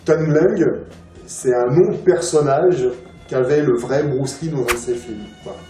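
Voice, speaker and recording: A man talks as an interview guest, rambling and pausing often. His tone is mellow and low-key. He sounds distant from the mic in a roomy space, with faint music underneath. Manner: rambling, many filler sounds and restarts. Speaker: interview guest, film collector. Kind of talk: casual interview.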